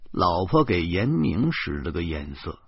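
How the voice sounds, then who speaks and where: A deep male voice narrates an audiobook in the first person at an unhurried pace. His delivery is lively and rises and falls a lot. The sound is husky, dry and a little dull. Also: no room sound. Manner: lively storytelling with dialogue.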